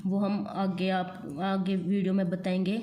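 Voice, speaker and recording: A woman teaching a class with an Indian accent. She talks slowly and patiently and spells out each letter one at a time, and her pitch stays flat and level. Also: slight background noise. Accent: Indian English. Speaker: shorthand teacher. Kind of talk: classroom lesson.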